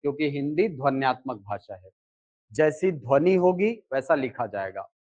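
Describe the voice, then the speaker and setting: A male teacher gives a live classroom lesson in a medium-pitched, slightly mellow voice with lively intonation, explaining slowly, step by step, and asking questions that he then answers himself. The highs are cut off.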